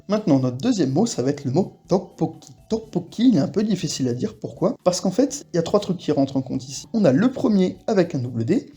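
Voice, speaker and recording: A man's voice: fairly high pitch, dark tone, slightly rough. A man teaching a casual video lesson on reading Korean, explaining patiently and acting out short example phrases.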